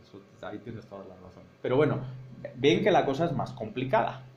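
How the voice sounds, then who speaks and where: A man's voice: medium pitch, expressive, fairly quick, a little mellow, roomy sound, highs cut off. A man from Madrid with a Spanish accent, a university teacher giving a seminar lecture, who explains step by step and keeps checking that the class follows him. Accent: Spanish from Spain, Madrid. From Spain (Madrid). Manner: explanatory, thinks aloud, checks understanding with frequent "¿no?".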